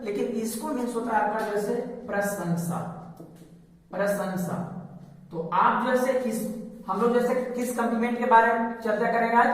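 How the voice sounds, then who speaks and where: A male teacher explains a grammar lesson step by step. He asks rhetorical questions and then answers them himself. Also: very high-pitched. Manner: repetitive, explains step by step with examples. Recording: echoey hall, mic far off.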